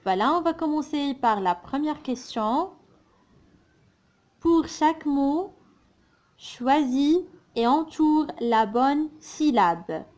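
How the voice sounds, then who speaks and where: A woman teaching a children's phonics lesson, slowly and patiently spelling out sounds and syllables. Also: high-pitched, animated, a little mellow.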